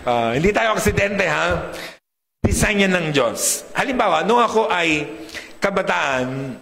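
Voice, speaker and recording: A man preaches with a big, deep voice, slightly raised in pitch for a man. He jokes and keeps checking in with the congregation. The sound carries a long reverb from a large hall. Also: expressive, unhurried, creaky, a bit bright. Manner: humorous, asks the crowd often. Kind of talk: sermon.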